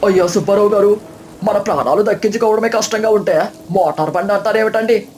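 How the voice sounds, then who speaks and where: A woman voicing an old village elder man who shouts urgent, breathless warnings. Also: medium pitch, a little fast, slight background noise, close to an everyday voice.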